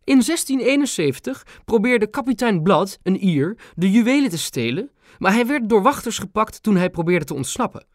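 A stern old queen and grandmother, raised high and speaking in crisp staccato bursts, as a male audiobook reader puts her on. Her voice swings widely, and the recording is dry and close. She sounds regal and a little severe. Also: very animated, moderate pace, no room sound. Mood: stately. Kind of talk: audiobook character voice.

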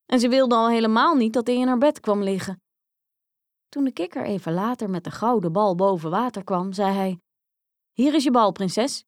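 A woman reading a children's fairy tale aloud in a lively, expressive way. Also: mid-range voice, brisk, no echo, studio quality. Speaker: storyteller. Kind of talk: storybook read-aloud.

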